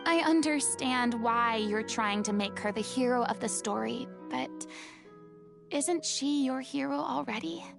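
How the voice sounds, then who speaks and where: A woman's voice: high-pitched, measured pace, gravelly. A stern, commanding young lady. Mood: earnest. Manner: stern, lecturing. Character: stern, commanding young woman scolding a quarrelling troupe. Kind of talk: video game voice acting. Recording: game music underneath.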